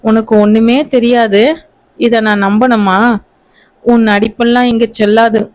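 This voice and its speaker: A woman's voice: on the high side, little pitch movement, unhurried, darkish tone, natural voice. A woman reading a storybook voices a bitter young husband who scolds and threatens his new wife in a curt, menacing way. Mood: harsh, menacing.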